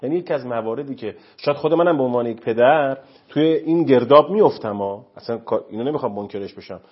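Brief: husky male counselor, mid pitch, earnest lecturing, lo-fi sound. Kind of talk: talk show discussion. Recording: dull lo-fi recording.

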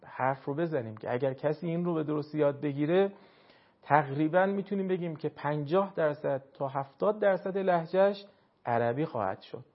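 Man teaching Quran reading, muffled audio. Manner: measured, stretches key words when stressing points. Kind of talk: explanatory lesson. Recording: muffled low-fidelity audio.

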